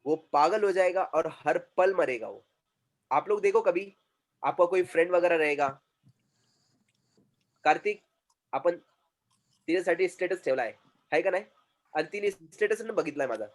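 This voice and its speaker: A man's voice: high voice, expressive, normal speed, pauses often. A male communication trainer, lecturing a class and often repeating himself and quizzing students.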